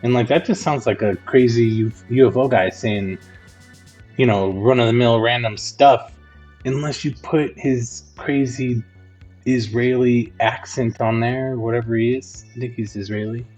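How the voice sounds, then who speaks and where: A man's voice: medium pitch, steady tone, measured pace, a little mellow, dull audio, faint music behind. A man hosting a podcast, giving casual rambling commentary full of "like" fillers. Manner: rambling, conversational, with frequent "like" fillers. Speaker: podcast host.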